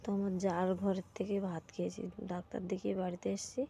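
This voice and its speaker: A woman's voice: medium pitch, flat delivery, fast, vocal fry, dark tone, slight background noise. Tired, unwell woman vlogging from home. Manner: tired and unwell, talking through her day. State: sick, sore throat. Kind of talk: casual daily vlog. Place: at home, indoors.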